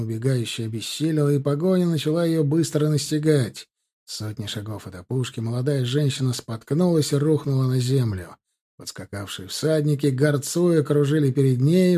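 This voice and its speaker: A man narrating an audiobook story in a measured, scripted way. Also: medium pitch, dark tone.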